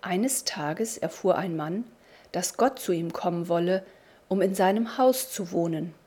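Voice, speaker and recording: A woman reading a devotional story aloud in a slow, deliberate storybook manner. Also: on the low side, warm tone, slightly rough. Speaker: narrator.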